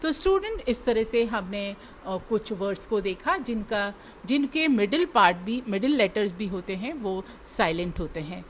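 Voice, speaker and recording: Animated and mid-range, this Indian woman's voice moves at a moderate pace with hardly any pauses as she leads an English lesson. She addresses her students directly, spelling each word letter by letter and saying it again; a slight hiss or hum can be heard.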